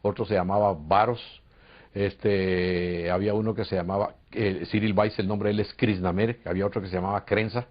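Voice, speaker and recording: On a dull lo-fi recording, a man from Costa Rica, a UFO contactee being interviewed, earnestly tells a long, hesitant story. His voice is low with fairly even intonation at a normal speed, and he has a Costa Rican Spanish accent.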